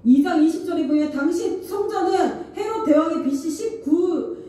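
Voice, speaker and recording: A woman pastor preaching a sermon in a church, animated, acting out the angry words of the scripture she explains. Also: very high voice, moderate pace. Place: church sanctuary. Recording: echoey church hall, voice from far off the mic.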